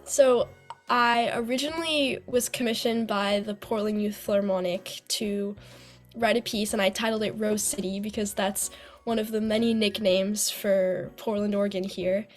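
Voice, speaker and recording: A woman's voice: mid-range voice, fairly even intonation, moderate pace, faint music behind. Teenage American girl, earnest interview guest, mid-range voice. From United States. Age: teens. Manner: earnest, partly prepared-sounding answers. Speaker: young composer guest. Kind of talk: interview answers.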